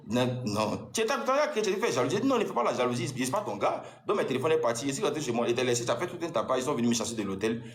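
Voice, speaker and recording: A man's voice: medium pitch, reverberant, slight background noise. A man with an Ivorian French accent gives a heated, accusing account aimed at his ex, often repeating himself. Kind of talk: heated personal account addressed to an ex.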